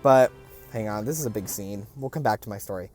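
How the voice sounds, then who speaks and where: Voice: medium pitch, fairly quick, a little mellow, faint music behind. A let's-play host rambling in casual commentary over a game, chatty and full of fillers.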